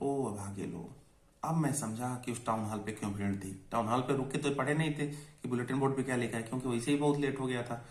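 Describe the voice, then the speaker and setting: Man teaching an English lesson, echoey room. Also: medium pitch. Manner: explains in Hindi, reads English lines slowly. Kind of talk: explaining an English lesson line by line.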